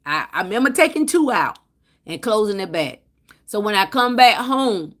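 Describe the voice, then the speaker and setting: A woman chatting casually on a phone livestream, telling stories and calling out to viewers by name. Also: on the low side. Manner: animated storytelling, calls out to viewers by name. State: tired. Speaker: livestream host. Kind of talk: casual live-stream chat.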